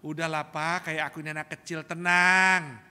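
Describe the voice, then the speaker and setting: A cocky, dismissive teenage boy with a high, very bright voice, brushing off every warning, as a preacher puts him on. His boasts ring through a big, echoing church hall. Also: little pitch movement, moderate pace, clean tone. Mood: brash. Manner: brash, dismissive. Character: boastful teenage boy, spoiled only son.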